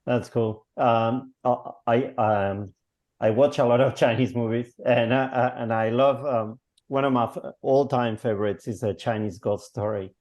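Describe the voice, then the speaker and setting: A man interviewing authors, asking halting, hesitant questions. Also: mid-range voice, fairly even intonation, a little mellow, lo-fi sound.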